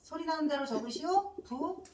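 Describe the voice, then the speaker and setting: A woman's voice: high voice, expressive, moderate pace, darkish tone, a little hiss or hum. A woman teacher giving a classroom grammar lecture, asking questions and answering them herself and drilling letters one by one. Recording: echoey room, mic at a distance.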